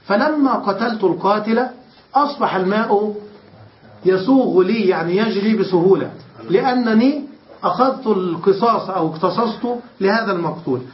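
A man's voice: high-pitched, normal speed. A sheikh teaching Arabic grammar, explaining step by step and often checking that his students understand. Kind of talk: classroom lesson. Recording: roomy, dull lo-fi lecture recording.

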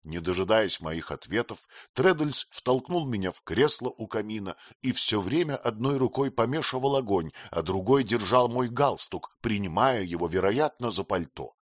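A man reading a novel aloud in the first person with expressive storytelling. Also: lowish voice, normal speed, hardly any pauses, dry recording, studio quality. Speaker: narrator. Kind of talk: audiobook reading.

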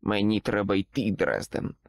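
A man voicing a cruel, menacing male sorcerer in an audiobook, speaking slowly and coldly. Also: lowish voice, vocal fry, no room sound. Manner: slow, menacing delivery.

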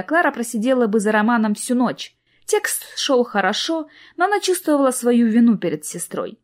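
A woman narrating a novel in an even storytelling manner. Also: fairly high pitch. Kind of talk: audiobook narration.

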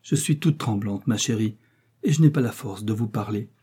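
Male reader doing anxious older innkeeper's wife, pleading, mellow and husky. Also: on the low side, normal speed. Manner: fretful, pleading. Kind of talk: audiobook character reading.

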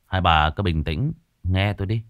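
A man's voice: sits low, moderate pace, a bit bright, clean tone, dry recording. A man doing a teasing skeptical young man. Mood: reassuring. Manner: teasing, mocking.

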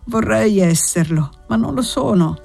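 A woman's voice: medium pitch, animated, measured pace, vocal fry, a little mellow, faint music behind, heavily acted. A woman reading the part of a young, frantic foundling woman who pleads with breathless urgency in an audiobook. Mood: desperate. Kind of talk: audiobook character voice.

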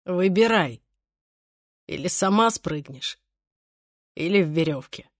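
A woman's voice: lowish voice, animated, takes it slowly, dry recording, studio quality. A woman reading aloud and voicing an obsessive young man who pleads desperately and threatens coldly, in an audiobook. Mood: cold menace. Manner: pleading then cold and threatening.

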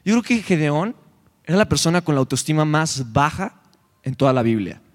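Young Mexican male youth preacher, high voice, animated and joking, long hall echo. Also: normal speed. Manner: animated, joking, retells scripture in quoted voices. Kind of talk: sermon.

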